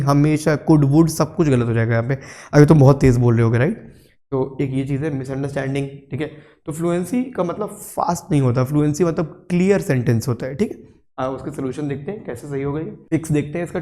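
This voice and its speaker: A man's voice: a little high, warm tone. A young man giving a casual spoken English lesson, mixing languages and often checking in with "theek hai". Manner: mixes Hindi and English, keeps adding "theek hai".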